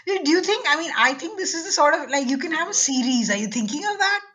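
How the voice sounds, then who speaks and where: A woman hosts a casual book interview in a bright, forward voice that sits slightly high. She talks informally and haltingly, rewording her questions as she goes. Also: lively intonation.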